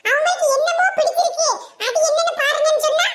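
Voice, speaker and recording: A performer doing a shrill, excitable cartoon village woman. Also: fast. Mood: excited gossip. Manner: dramatic, wailing, giggly. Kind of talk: cartoon comedy voice acting. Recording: loud background noise.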